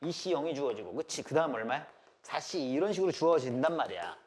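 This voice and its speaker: A man's voice: a little high, expressive, brisk, slight background noise. A man teaching a live math class, asking constant rhetorical questions and checking that students follow, blunt and casual. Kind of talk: classroom lecture.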